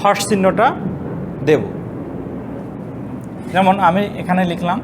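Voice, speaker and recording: Bengali lecturer explaining pronunciation rules. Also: male voice, high-pitched, steady tone, unhurried, background noise. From Bangladesh. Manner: explanatory, asks and answers his own questions. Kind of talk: online class lecture.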